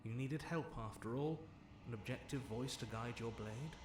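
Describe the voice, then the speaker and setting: An actor playing a calm, weary, knowing disembodied narrator in scripted video game dialogue. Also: male voice, medium pitch, moderate pace, close to an everyday voice. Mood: resigned, solemn. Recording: echoey, distant game audio with noise.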